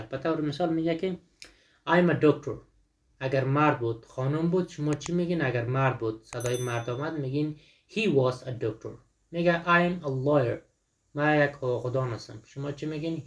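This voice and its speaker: A man teaching an English lesson. He says each English word slowly, translates it, and answers his own questions to the class. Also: on the high side. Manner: asks the listener questions and answers them himself. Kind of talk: explaining a textbook lesson.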